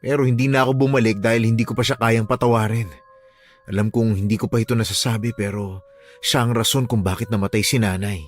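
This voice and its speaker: A man voicing a caring, protective young man who speaks calmly and reassuringly in a radio drama. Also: on the low side, fast, faint music behind, natural voice. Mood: remorseful. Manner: calm, reassuring.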